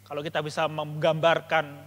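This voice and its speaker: High bright-voiced man preaching. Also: completely flat delivery, moderate pace, long reverb tail. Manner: storytelling preacher, acts out family dialogue. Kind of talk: sermon. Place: church.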